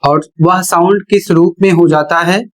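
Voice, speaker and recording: A teacher explaining English pronunciation rules one step at a time, in a measured, repetitive way. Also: medium pitch, steady tone. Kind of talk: slow explanatory lesson narration.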